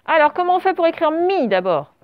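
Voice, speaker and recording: A woman teaching a primary school class, correcting a dictation and spelling words out letter by letter with patient pauses. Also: very high voice, sing-song, dry recording. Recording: dull lo-fi sound.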